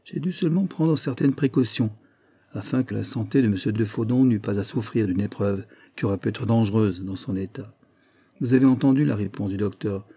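A man's voice: on the low side, fairly quick, warm tone, husky. A man voicing an emphatic male investigator who lays out the truth of a crime, his voice raised and pressing. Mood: calm resolve. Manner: emphatic, probing, raised and tense. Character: sharp, insistent male investigator unveiling a crime.

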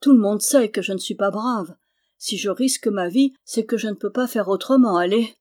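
A woman's voice: mid-range voice, normal speed, a little mellow, natural voice. A woman reading the part of a timid young peasant man, pleading and earnest but stubborn. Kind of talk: audiobook character voice.

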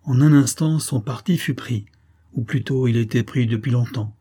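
A man reading a serialized adventure novel aloud in a measured, dramatic way. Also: medium pitch, dark tone, slightly rough. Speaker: audiobook reader.

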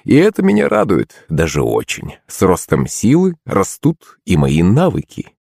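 A man narrating an audiobook in an expressive, conversational manner. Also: low-pitched, unhurried, vocal fry, no echo, studio quality.

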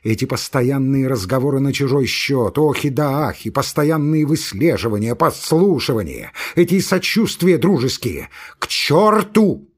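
A man reading aloud, voicing an agitated, hysterical young nobleman who shouts in breathless outbursts. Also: mid-range voice, very animated, takes it slowly.

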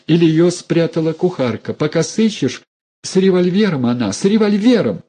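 A man's voice: a little high, lively intonation, moderate pace, warm tone, voice pushed up. A man voicing a frightened young woman who pleads in a panic in an audiobook. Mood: pleading. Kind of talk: audiobook character voice.

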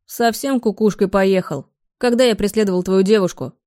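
Lady reading a bossy middle-aged dad who yells at his son, dark mellow tone, dry close sound. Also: mid-range voice, normal speed, no echo, natural voice. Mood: scornful. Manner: shouting, scolding. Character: angry domineering father, middle-aged man.

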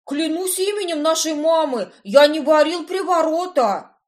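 A woman's voice: sits high, expressive, a little slow, pitched above the performer's own voice. A woman voicing a half-trained young male sorcerer who begs and whines in panic. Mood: pleading whiny. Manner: whining, begging.

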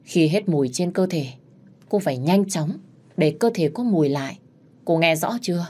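A woman's voice: on the low side, lively intonation, moderate pace, warm tone. A woman voicing an older female village shaman who gives stern, instructive warnings.

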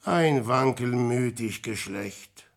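A man's voice: medium pitch, slow, gravelly. An actor playing Peer Gynt, a restless grandiose adventurer, declaiming his musings in rhyme in a classic radio drama. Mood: brooding, grandiose.

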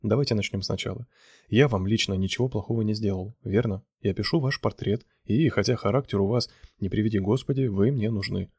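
A man's voice: on the low side, a little fast, vocal fry, a little mellow, breathy edge, no room sound, studio quality. A male reader voicing a stubborn, exasperated painter who pleads and insists. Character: flustered stubborn male artist.

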